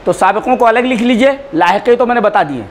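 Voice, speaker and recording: A man teaching a class in a lecture style, repeating words slowly for students to write down. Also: sits high, animated, slight background noise. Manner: slow, repeats words for dictation. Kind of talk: classroom lecture, dictating notes.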